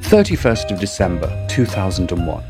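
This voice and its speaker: A middle-aged man giving a measured, wry narration of his diary entries for a podcast. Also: low-pitched, very animated. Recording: dry studio voice-over, soft music.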